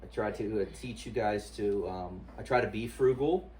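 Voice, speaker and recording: A man answering interview questions casually as a husband, haltingly searching for words and repeating himself. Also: lowish voice, crowd noise. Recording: distant mic, noisy room ambience.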